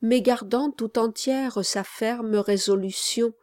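A French woman narrating a classic novel as an audiobook, calm and measured. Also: fairly high pitch, no echo, clean studio sound. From France. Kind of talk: scripted narration.

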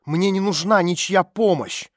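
A man voicing an angry, defiant teenage runaway girl who shouts back sharply in an audiobook. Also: high voice, animated, normal speed, no echo, studio quality, voice pushed up. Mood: angry shouting. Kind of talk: audiobook character voice.

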